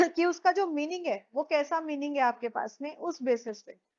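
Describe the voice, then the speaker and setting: A woman's voice: sits high, moderate pace, highs cut off. A woman who speaks Hindi as her first language, teaching a classroom lecture and often quizzing her students with repeated questions.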